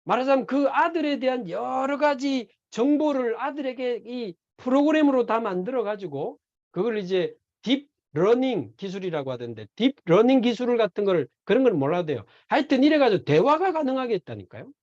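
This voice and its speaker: A church teacher giving a sermon-style lecture, telling stories in an animated way and acting out the dialogue. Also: medium pitch, normal speed, lo-fi sound. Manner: animated storytelling, acts out quoted dialogue. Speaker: evangelism class teacher.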